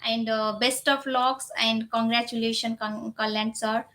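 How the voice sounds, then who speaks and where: A Nepali woman in her thirties hosts a live stream, casually answering viewers in non-native English with loose grammar and lots of filler phrases. Her voice is a little high, level, somewhat slow and sharp, with a slight hiss or hum.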